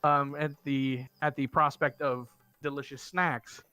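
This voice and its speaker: A man narrating as game master of a tabletop game, halting and restarting often. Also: medium pitch, little pitch movement, bright, forceful tone, clear, resonant tone, no room sound, faint music behind. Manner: halting, with many fillers and restarts.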